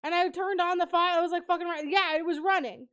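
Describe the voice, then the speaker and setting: A woman's voice: very high voice, steady tone, fast, a bit bright. A woman streamer chatting casually with friends while playing a game, swearing freely and laughing a lot.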